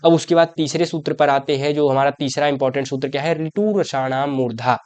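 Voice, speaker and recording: A man's voice: a little high, level tone, fast talker, darkish tone, smooth, no echo. A young man teaching an exam-prep grammar lesson. He explains step by step, asks questions and answers them himself, and keeps calling the viewer his brother.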